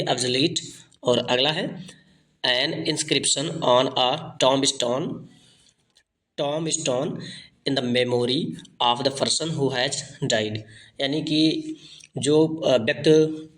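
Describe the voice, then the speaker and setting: A man teaching vocabulary for exams in Hindi, reading each phrase slowly, then explaining it and repeating the answer. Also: medium pitch, fairly bright tone. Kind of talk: exam-prep lesson.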